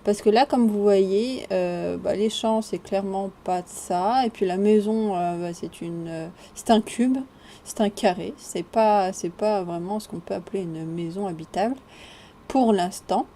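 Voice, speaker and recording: A woman narrates her gameplay in a relaxed, chatty vlog style, often joking with the game's characters. She takes her time, speaking slowly and without hurry. A faint noise sits behind her voice. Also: medium pitch. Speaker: gaming vlogger. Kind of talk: casual gameplay commentary.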